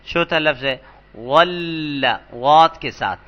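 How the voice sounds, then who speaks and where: A man's voice: fairly high pitch, dull audio. Patient man teaching Arabic grammar. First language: Urdu. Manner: patient, repeats words slowly for emphasis. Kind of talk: lecture explaining vocabulary.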